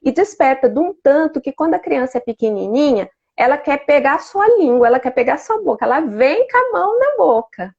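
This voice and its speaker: Guest expert, woman, slightly high, gravelly, calm explainer; dull lo-fi audio. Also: fairly quick, hardly any pauses. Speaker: speech therapist guest. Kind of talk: live-stream talk. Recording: dull lo-fi sound.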